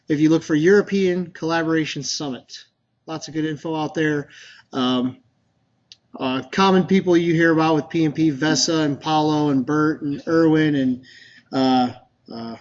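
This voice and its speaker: Male user-group presenter, chatty and informal, higher pitch, muffled recording. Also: fairly even intonation, normal speed. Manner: chatty, loose, many fillers and restarts. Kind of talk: casual presentation to a meetup.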